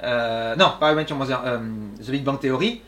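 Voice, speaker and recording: A man in his thirties, a voice actor answering audience questions in a relaxed, chatty way, laughing often and filling pauses with "euh". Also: mid-range voice. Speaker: voice actor guest. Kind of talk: casual Q&A talk. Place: small workshop room with audience.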